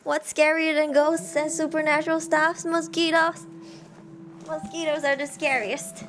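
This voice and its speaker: A woman's voice: high voice, flat delivery, measured pace, fairly bright tone. A woman streamer chatting casually in her bedroom while reading horror stories, talking in a jumpy, giggly way. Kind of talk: casual livestream chat.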